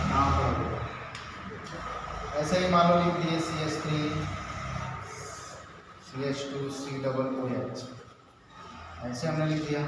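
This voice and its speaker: A male chemistry teacher giving a step-by-step classroom lecture, asking questions and answering them himself. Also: on the high side. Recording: echoey hall from far off, noisy.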